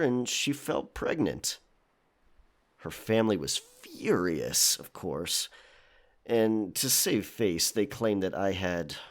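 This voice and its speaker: In an audio drama, a man plays a world-weary young pirate with a disgraced past. His voice is on the low side, and he speaks in a halting, wry way.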